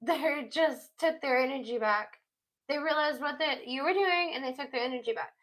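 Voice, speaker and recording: A woman's voice: sits high, moderate pace, fairly bright tone, rough recording. A woman giving a casual, blunt intuitive reading, chatting freely and swearing now and then. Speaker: tarot reader.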